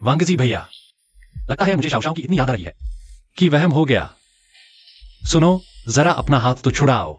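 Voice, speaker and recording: A man's voice: mid-range voice, big pitch swings, moderate pace, pauses often, breathy edge. A man voicing a flustered, exasperated young male lead in a dubbed drama.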